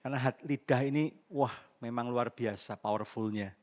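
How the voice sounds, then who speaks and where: Animated man preaching a sermon. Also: mid-range voice, normal speed. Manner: animated preaching with call-and-response. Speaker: pastor. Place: church service.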